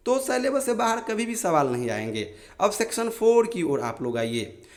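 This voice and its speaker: Man teaching exam prep, somewhat high voice. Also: big pitch swings. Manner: addresses listeners as friends, reads lists of terms slowly. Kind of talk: explaining an exam pattern to students.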